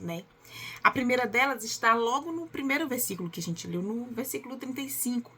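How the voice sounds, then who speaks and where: Husky woman teaching the Bible. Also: fairly high pitch, sharp tone. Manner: conversational, often asks "né?". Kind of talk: devotional Bible reading and reflection.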